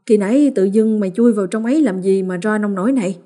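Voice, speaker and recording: A woman's voice: mid-range voice, quick pace, mellow, natural voice. A woman voicing a short-tempered middle-aged village father who barks curt retorts, as a character in an audiobook. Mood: irritated. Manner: barking, curt.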